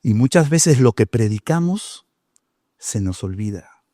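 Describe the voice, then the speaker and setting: A man with a Peruvian Spanish accent preaching a sermon in a church, telling stories with lively, dramatic delivery. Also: mid-range voice, a little slow, no echo, studio quality. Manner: animated storytelling preacher, shouting out quoted lines. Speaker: pastor. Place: church hall.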